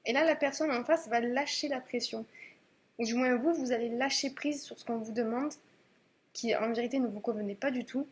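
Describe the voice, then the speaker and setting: A woman's voice: on the high side, moderate pace. A woman giving a casual tarot reading to camera, chatty and hesitant, with many fillers and restarts. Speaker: tarot reader.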